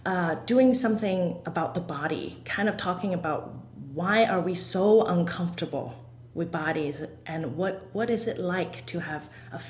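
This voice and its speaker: Lively woman from Hong Kong, roomy echo. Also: fairly low pitch, moderate pace. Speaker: guest, singer and composer. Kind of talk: interview conversation.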